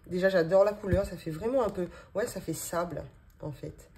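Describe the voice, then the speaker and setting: Her voice is on the low side, warm, and at a normal speed as this thirtysomething budgeting vlogger unboxes and shows her binders at her home office desk. The chat is casual, with frequent fillers and small laughs.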